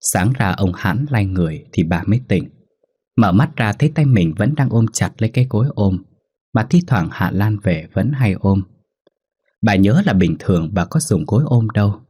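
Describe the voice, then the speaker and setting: Low, husky male ghost-story narrator. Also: animated, warm tone. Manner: measured, somber narration.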